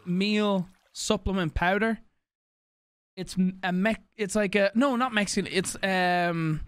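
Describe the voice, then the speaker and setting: A young man livestreaming from a small home room into a studio mic, reading out donor names and thanking them in a quick, loose patter. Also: high voice, a bit bright, clear, resonant tone, no room sound. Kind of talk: casual stream chat reading donations. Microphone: studio mic on boom, headphones on.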